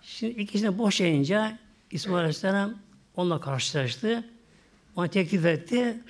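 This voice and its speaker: A male preacher telling a religious story in a sermon, repeating himself and often slowing down for emphasis. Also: sits high, lively intonation.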